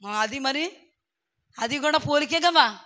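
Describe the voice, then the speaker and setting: Hoarse woman preaching emphatically. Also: high-pitched, measured pace. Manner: emphatic, fires rhetorical questions at listeners; swings between loud bursts and soft asides. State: hoarse, losing her voice. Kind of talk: sermon.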